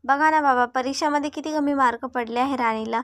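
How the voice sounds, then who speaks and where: A woman's voice: high voice, steady tone, fairly quick, fairly bright tone, dry recording, clean studio sound. A woman voicing a caring young woman who scolds her little sister but comforts her parents. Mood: scolding.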